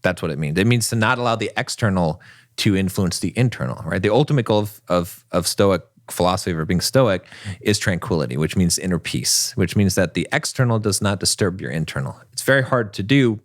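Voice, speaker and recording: On a relationship advice podcast, a low-pitched male co-host talks a little fast with lively intonation, pressing his points emphatically and repeatedly asking "right?". The studio-quality recording has no room sound.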